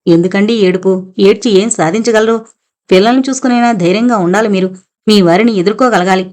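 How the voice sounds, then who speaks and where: A woman's voice: medium pitch, fast talker, darkish tone, natural voice. A woman voicing a composed, educated young woman who soothes and urges a neighbor to be brave. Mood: soothing. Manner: soothing yet firm.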